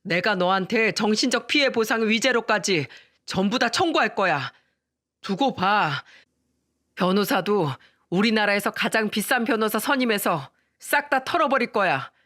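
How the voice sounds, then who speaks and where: A woman's voice: mid-range voice, expressive, normal speed, a bit bright, natural voice. A woman voicing a betrayed young husband who speaks with scorn in a storybook reading. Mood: contemptuous. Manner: scornful and cutting.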